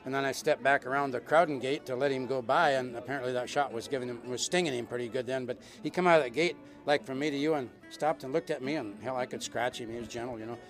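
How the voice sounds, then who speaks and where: A middle-aged man with a medium-pitched voice tells a rancher's anecdote in a folksy way, looping back over phrases. Faint guitar music sits behind him. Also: fast talker, few pauses. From western North Dakota, United States. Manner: folksy, repeats phrases as he goes. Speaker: cattle rancher. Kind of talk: unscripted anecdote.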